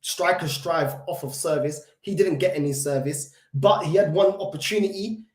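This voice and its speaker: Speaking at a normal pace, this fairly high-voiced London man runs a football fan channel and gives a solo reaction. Because he's still getting over an illness, his voice is weaker than usual. His talk is emphatic, peppered with fillers and frequent restarts, and the room has an echo.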